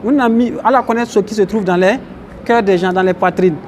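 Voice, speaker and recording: A man with a high, brisk, slightly mellow voice teaches a religious class as an Islamic teacher, asking his listeners questions and explaining Arabic vocabulary. Faint outdoor traffic drifts into the mosque, and there is a little hiss or hum.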